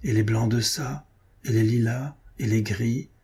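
A man's voice: mid-range voice, measured pace, warm tone, breathy edge. A man voicing a grief-stricken male painter, obsessive and volatile, with a feverish, exclamatory way of speaking. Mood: rapt, murmuring.

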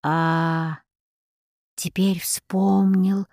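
A woman's voice: a little high, expressive, takes it slowly, darkish tone, no room sound, studio quality, voice pushed up. A woman voicing an anguished, defiant young boy in an audiobook, speaking in bitter, pleading outbursts.

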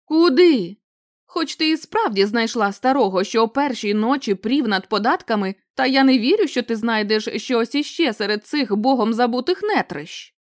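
A woman's voice: fairly high pitch, lively intonation, moderate pace, no echo, studio quality, close to an everyday voice. A woman reading the part of a nervous young man who mutters and protests in exasperation. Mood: exasperated.

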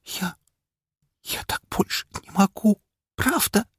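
A man's voice: lively intonation, a little fast, husky, no echo, exaggerated voice. A man voicing a terrified, distraught young woman student who shrieks and trembles close to tears. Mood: tearful despair. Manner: shrill, trembling, on the edge of tears.

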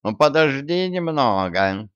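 A man voicing a bossy young woman, a witch's granddaughter, in a storybook reading with brisk, commanding talk over dull lo-fi audio. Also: medium pitch, sing-song, clear, resonant tone, no room sound, voice pushed up.

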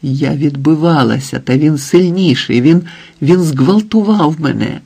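A man's voice: on the high side, animated, a little slow, vocal fry, a little mellow, slightly rough, heavily acted. A man doing a desperate pleading wife. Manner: pleading, tearful.

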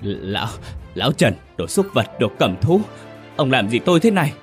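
A man's voice: mid-range voice, sing-song, normal speed, soft background music, voice pushed up, close to an everyday voice. A man voicing a young widowed village woman, defiant and enraged, who screams curses through sobs. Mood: anguished.

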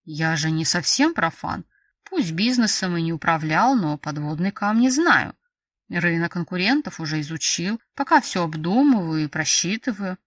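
A woman's voice: fairly low pitch, animated, normal speed, a bit bright, no room sound, far from the mic. A woman voicing a brash young male boss who is sly, smug and pushy, in an audiobook. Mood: defensive. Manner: smug, wheedling, then snapping orders.

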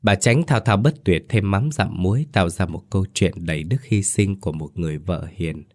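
A male storyteller reading a ghost story in a measured, solemn way. His voice is very deep and low. The recording is dry and close, with no room sound. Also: dry recording. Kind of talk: scripted audiobook narration of a ghost story.

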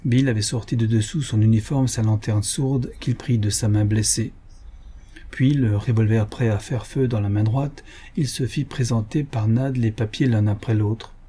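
A man reading an adventure novel aloud in a steady, measured narration. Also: on the low side, breathy edge. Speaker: audiobook narrator. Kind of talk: scripted narration.

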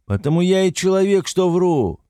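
A man voicing an excitable, tipsy young man who rants passionately in an audiobook reading. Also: medium pitch, a little slow, gravelly, dry recording, clean studio sound. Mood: indignant ranting. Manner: ranting, passionate, exclamatory.

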